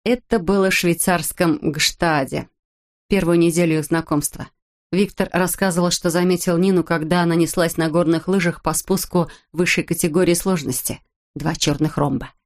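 A woman reads an audiobook in a measured, steady manner. Her voice sits somewhat low for a woman. The delivery stays even and unhurried. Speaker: narrator. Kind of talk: audiobook narration.

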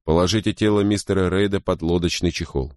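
A man voicing a stern ship's captain who gives formal orders in a low, measured way, in an audiobook. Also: fairly even intonation, darkish tone, no echo, close to an everyday voice. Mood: commanding. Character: stern male ship's captain, calm commanding.

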